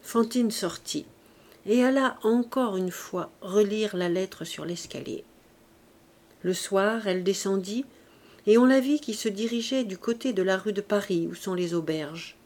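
A woman reading a classic novel aloud as an audiobook narrator, in clear, even scripted narration. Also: mid-range voice, unhurried.

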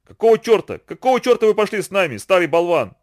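Man playing a hot-headed young man, shouting, voice pitched up. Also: expressive, quick pace, close to an everyday voice. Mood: furious. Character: Kofi, young African man, furious and desperate.

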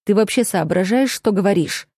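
A woman's voice: medium pitch, normal speed, warm tone, breathy edge, no room sound, studio quality, natural voice. A woman reading an audiobook, voicing a young nobleman who fiercely defends his bride, with firm, heated delivery. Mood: defiant.

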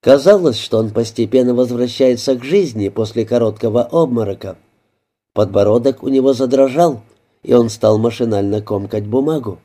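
Brief: male audiobook narrator, very dark mellow tone, mid pitch, measured scripted narration. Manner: even, measured storytelling.

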